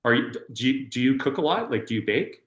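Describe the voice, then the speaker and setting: A middle-aged man leading a workshop. He talks in an energetic, emphatic way, repeating words and using plenty of fillers. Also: mid-range voice, a little fast, echoey room. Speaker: workshop instructor. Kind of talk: public speaking workshop talk.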